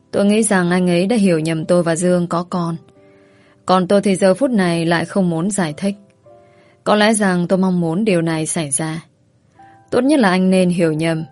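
A woman narrating a romance audiobook, reading in a measured, softly expressive way. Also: fairly low pitch. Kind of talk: scripted story narration.

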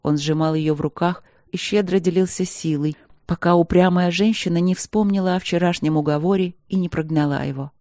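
A woman narrating an audiobook in measured, even storytelling. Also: lowish voice, no room sound, clean studio sound. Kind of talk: scripted narration.

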